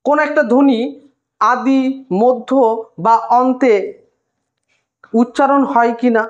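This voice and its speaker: A woman tutor with a West Bengal Bengali accent explains a lesson step by step to her students and sounds out single sounds slowly. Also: a little high, steady tone, dull audio. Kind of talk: recorded lesson lecture.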